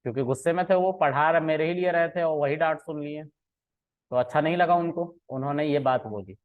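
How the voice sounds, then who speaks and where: A man's voice: fairly high pitch, fairly quick. Man teaching over tinny, phone-like audio. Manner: conversational, frequent "ठीक है" and "है ना" checks; mixes English phrases into Hindi. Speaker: programming teacher. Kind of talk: casual lesson with a personal story.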